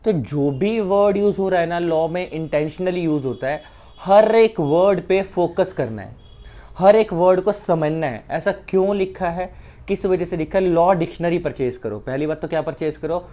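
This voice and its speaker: एक भारतीय पुरुष शिक्षक, जो हिंदी और अंग्रेज़ी मिलाकर उदाहरणों के साथ कानून समझाता है।. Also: male voice, fairly high pitch, normal speed, warm tone. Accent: Indian. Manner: explains with repeated examples, mixing Hindi and English. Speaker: law teacher. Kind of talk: explanatory lecture.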